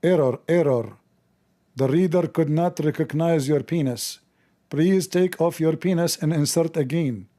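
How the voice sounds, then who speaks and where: A man voicing a glitching card-reader machine that keeps repeating flat, clipped error messages. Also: on the high side, unhurried, close to an everyday voice. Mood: robotic.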